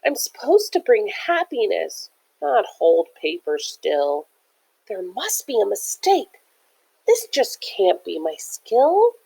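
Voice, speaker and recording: A woman's voice: medium pitch, wildly swooping pitch, slow, gravelly, warm tone, husky, heavily acted, rough recording. A woman voicing a small, earnest stone from a storybook who longs to bring happiness, speaking in exclamations. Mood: dismayed.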